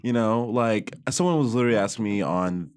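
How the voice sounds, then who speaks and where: A man's voice: lowish voice, a little fast, smooth. A man in his thirties, a magician guest on a podcast, telling stories in casual chat and laughing often. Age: 30s. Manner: animated storyteller, laughs often.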